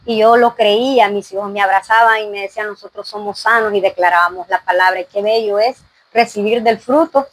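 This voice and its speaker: A woman's voice: mid-range voice, fairly even intonation, brisk, few pauses, poor audio. Earnest woman testifying. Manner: earnest, full of religious phrases, frequent fillers and "¿verdad?". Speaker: interview guest giving testimony. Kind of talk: personal faith testimony.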